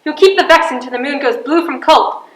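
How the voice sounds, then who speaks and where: A woman's voice: high voice, fairly quick, close to an everyday voice. An actress playing a proud, cunning older queen and mother in a period drama, speaking in a grand, wry, manipulative manner. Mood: wry, probing. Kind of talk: theatrical period drama monologue and dialogue. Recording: echoey room, audible background noise.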